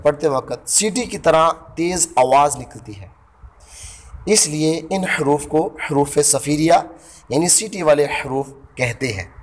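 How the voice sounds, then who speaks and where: A man teaching pronunciation of Arabic letters for Quran reading. He draws out each letter sound loudly, then explains it calmly. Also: fairly high pitch. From Pakistan. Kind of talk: slow, deliberate pronunciation lesson.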